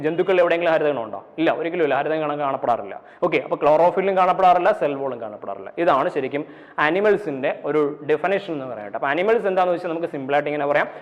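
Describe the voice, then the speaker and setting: A man with a Malayali accent teaches a class in a fairly high voice, repeating himself and spelling words out letter by letter. He slows right down to dictate definitions. The audio is dull and carries a long echo. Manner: repetitive, asks and answers his own questions, spells terms letter by letter. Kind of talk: classroom lecture.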